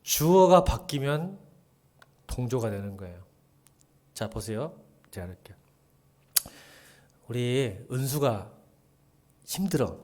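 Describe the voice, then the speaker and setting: A man's voice: medium pitch, sing-song, slow, pauses often, a little mellow. A middle-aged male pastor giving a casual sermon, chatty and joking, who acts out dialogue and often drops to a murmur.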